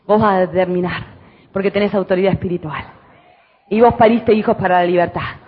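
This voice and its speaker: A woman pastor with a Rioplatense Spanish accent preaching a fervent sermon, switching between shouted exclamations and quiet, intimate counsel. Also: lowish voice, a little fast, slightly rough, lo-fi sound.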